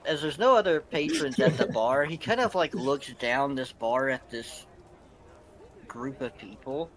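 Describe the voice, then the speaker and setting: A man narrates a tabletop game as game master, rambling with many fillers. His pitch sits mid-range. Clear ambience runs behind him. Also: unhurried, background noise.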